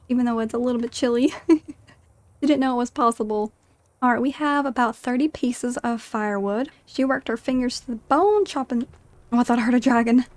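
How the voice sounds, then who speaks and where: With a high-pitched, slightly mellow voice in a dry recording, a woman giggles and chats as she role-plays through a video game. She narrates her playthrough, describing how her character feels.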